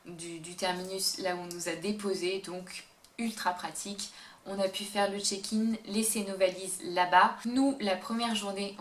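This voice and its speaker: Talking to the camera in an indoor room, a woman vlogger shares travel tips in a casual, upbeat way, often hesitating mid-sentence. Her voice is medium-pitched and fairly bright, recorded with roomy echo and a faint background hum.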